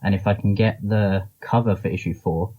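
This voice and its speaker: Being interviewed as a guest, this comics charity founder and publisher talks casually, his explanations loose and meandering. His voice is on the low side and steady, at a moderate pace, and the recording lacks its highs.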